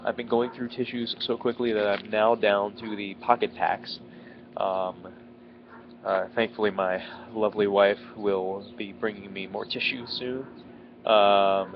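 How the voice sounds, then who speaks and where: A congested man sick with a head cold, chatting casually to camera in a self-deprecating, complaining way as he vlogs outside at home. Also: on the low side. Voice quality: congested, stuffy-nosed. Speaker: vlogger. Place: outdoors at home in a residential neighborhood. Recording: dull lo-fi, clear outdoor background noise. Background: outdoor neighborhood ambience.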